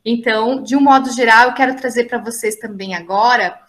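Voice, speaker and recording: Woman, teacher, online class, video call mic, explanatory, fairly high pitch, bright tone. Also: a little fast. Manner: explanatory, many tag questions and fillers.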